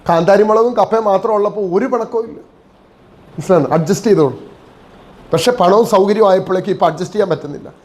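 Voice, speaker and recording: A male pastor from Kerala preaches, his voice sitting notably high. He fires questions at the congregation and answers them himself, breaking in with praise and hallelujahs. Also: brisk, a little mellow. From Kerala, India. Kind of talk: sermon. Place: church.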